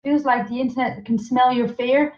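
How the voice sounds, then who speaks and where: A woman hosting an online conference, chatting casually and laughing often while she fills time. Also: high-pitched. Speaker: conference host. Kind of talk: casual live-stream chat. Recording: muffled roomy call audio.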